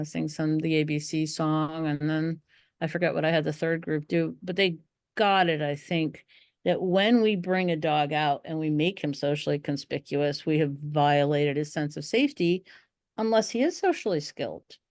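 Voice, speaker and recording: A woman, a dog trainer as guest, telling lively stories and acting out voices in conversation. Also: sits low, moderate pace, dry recording, studio quality. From outside the UK. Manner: animated, acts out quoted voices. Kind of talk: conversational storytelling on a live stream.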